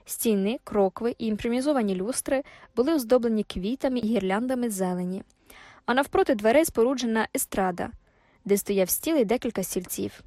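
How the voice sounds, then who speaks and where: A woman reading a classic novel aloud as an audiobook narrator, in a measured, even way. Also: a little high, no room sound, clean studio sound.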